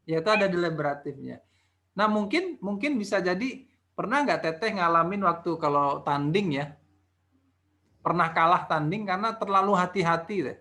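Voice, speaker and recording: A man's voice: high voice, lively intonation, moderate pace, sharp tone. Chatty man explaining personality results. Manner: explanatory, chatty with many fillers. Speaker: talent mapping consultant. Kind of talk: feedback session conversation.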